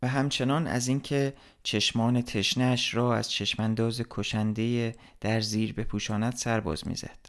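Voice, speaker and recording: A man narrating a literary story as an audiobook, reading in a steady, measured way. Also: medium pitch, creaky.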